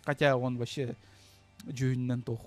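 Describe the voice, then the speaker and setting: A man's voice: mid-range voice, little pitch movement, a little slow. A man chatting informally as a video game streamer, with some swearing. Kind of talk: casual gaming stream chat. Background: faint music.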